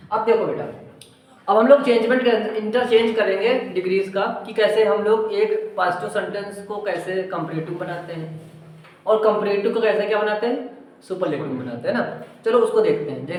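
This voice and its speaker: Man teaching in a very echoey classroom. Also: high voice. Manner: explains slowly, asks pupils questions and repeats their answers. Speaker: English teacher. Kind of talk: classroom grammar lesson. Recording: very echoey classroom, mic far off.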